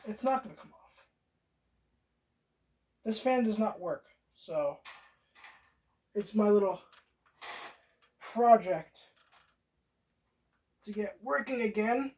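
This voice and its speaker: A woman's voice: mid-range voice, expressive, slow pace, long pauses, dark tone. A woman hosting a casual how-to video, rambling, swearing freely and talking straight to the viewer. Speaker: DIY video host.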